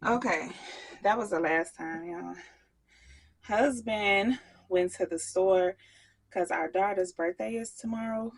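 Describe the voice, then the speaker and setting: A woman's voice: mid-range voice, slow pace, long pauses, poor audio. A woman soap maker chatting casually to her viewers while she works on a craft vlog. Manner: chatty, talks straight to viewers.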